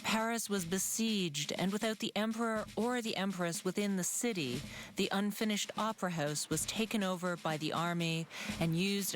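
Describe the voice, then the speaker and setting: Woman documentary narrator over music. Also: medium pitch. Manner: measured, formal documentary narrator delivery. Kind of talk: scripted documentary narration for a travel film. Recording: music under the voice. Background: background music.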